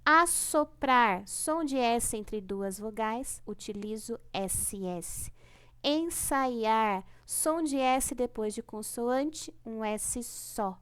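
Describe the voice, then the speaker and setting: A woman's voice: on the high side, very slow, smooth. A woman teaching a primary class remotely with a Brazilian Portuguese accent, patient and repetitive, stretching out key words and checking in often.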